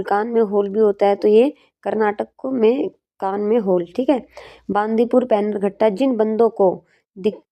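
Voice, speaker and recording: A woman's voice: medium pitch, gravelly, dark tone. A woman teacher giving an exam-prep lesson with memory tricks, asking questions and answering them herself.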